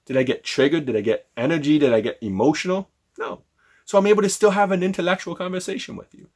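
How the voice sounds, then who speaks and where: A man's voice: on the high side, fairly even intonation, fast. A man giving a sales lesson, firing off rhetorical questions and acting out phone calls. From Canada. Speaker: sales trainer. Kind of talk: direct-to-camera sales lesson.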